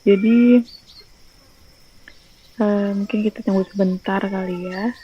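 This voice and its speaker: A woman's voice: mid-range voice, flat delivery, unhurried, slightly rough, dull audio. A young woman, a teacher and YouTuber, chatting casually in a rambling vlog with lots of fillers, recorded on a phone. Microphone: phone rear camera.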